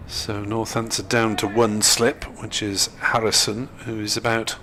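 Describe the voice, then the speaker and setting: A man giving live cricket commentary in a measured, hesitant, dryly humorous manner. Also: lowish voice, level tone, bright, forceful tone, a little hiss or hum.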